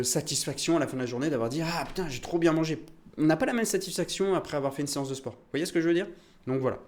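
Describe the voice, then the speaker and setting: A man's voice: mid-range voice, darkish tone. Chatty French man explaining habits. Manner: chatty, explanatory, many fillers and restarts. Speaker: podcast host, calisthenics coach. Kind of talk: casual solo podcast talk.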